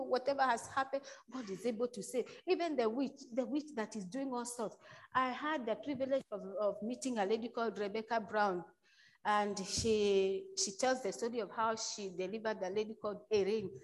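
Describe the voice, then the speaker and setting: A woman preaching a sermon in a loose, conversational way, often restarting and saying "you know", and she pushes certain points out louder. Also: mid-range voice, poor audio.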